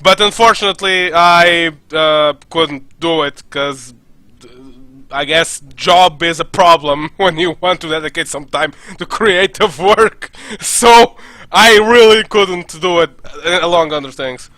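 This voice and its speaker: Bright high-voiced young man streaming. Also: unhurried, dry recording, rough recording. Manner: rambling, with many fillers and restarts. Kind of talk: casual podcast-style stream chat.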